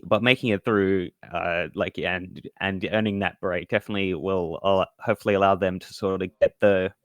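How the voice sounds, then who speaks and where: A man co-casting an esports event, giving analysis in a halting way with many fillers. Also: low-pitched, dry recording, clean studio sound. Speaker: esports co-caster. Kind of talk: casual desk analysis.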